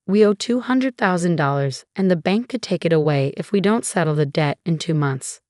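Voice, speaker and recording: A woman's voice: lowish voice, animated, normal speed, darkish tone, dry recording, studio quality, close to an everyday voice. A woman voicing a father-in-law confessing his debts in a heavy, blunt way in a story. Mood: grave.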